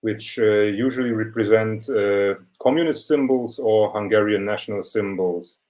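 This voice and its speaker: A young man, a photographer giving a measured, explanatory presentation of his work over a video call. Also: fairly low pitch, a little mellow, poor audio. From Germany. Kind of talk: online portfolio presentation.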